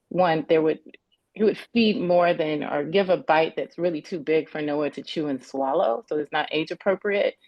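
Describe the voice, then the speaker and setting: A woman testifying as a parent in a custody hearing over a video call, talking haltingly and restarting her sentences as she searches for words. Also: low-pitched, no room sound. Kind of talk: court testimony. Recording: dull, dry video-call audio.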